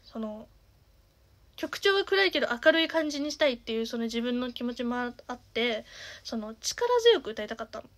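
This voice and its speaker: High-voiced nasal young woman chatting. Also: fairly quick. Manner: chatty, many fillers, drifts to soft half-whispers. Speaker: singer and streamer. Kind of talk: casual chat.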